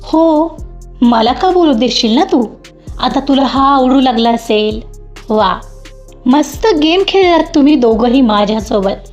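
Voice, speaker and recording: A woman's voice: high voice, animated, measured pace. A woman voicing an angry young man who turns from pleading to threats, in a storybook reading. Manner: shouting, bitter, sneering. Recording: dull lo-fi with faint music.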